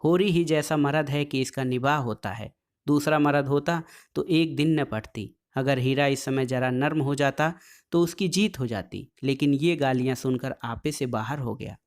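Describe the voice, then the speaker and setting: A man's voice: medium pitch, normal speed, close to an everyday voice. A man voicing a spiteful village shopkeeper woman who stirs up a quarrel with gossip, read from a storybook. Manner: gossipy, stirring delivery.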